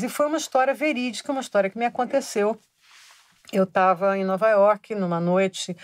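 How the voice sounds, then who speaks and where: A woman's voice: mid-range voice, no echo. A Brazilian woman tells a winding anecdote in an easygoing interview, with a Brazilian Portuguese accent and a voice of ordinary height. She breaks into small chuckles mid-sentence as she goes. The sound is dry, with hardly any room around it. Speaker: singer-songwriter guest. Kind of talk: casual storytelling in an interview.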